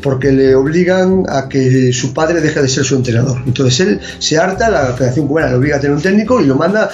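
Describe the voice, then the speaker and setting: A man's voice: a little high, a little fast, a little mellow. A man speaking as an athletics expert guest, giving opinionated, analytical interview answers. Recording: roomy, dull lo-fi sound.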